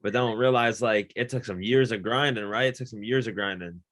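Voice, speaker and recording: A fairly low-pitched, slightly bright male voice, moving a little fast, belongs to the host of a producer interview show. He's casual and grateful, full of hype and affirming thanks toward his guest.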